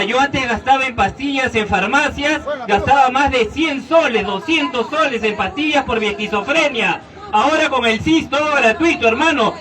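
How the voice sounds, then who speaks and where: Earnest Peruvian man from the audience. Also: extremely high pitch. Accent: Peruvian Spanish. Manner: earnest, grateful, rambling. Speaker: audience member. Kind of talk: public question at a debate. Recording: distant outdoor recording.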